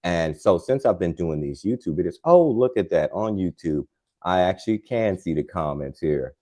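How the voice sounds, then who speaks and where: A man hosting a live gardening demo, talking in a calm, soothing, chatty way. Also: sits low, normal speed. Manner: chatty and rambling, with many fillers. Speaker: gardening channel host. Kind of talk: live repotting demo, casual chat.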